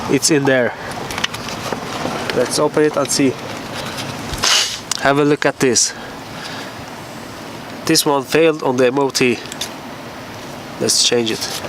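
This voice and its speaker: A vlogger repairs his car outdoors, giving casual running commentary, swearing freely and talking to himself. His mid-range voice keeps a steady tone at a slow pace with long pauses, and the recording has loud outdoor noise.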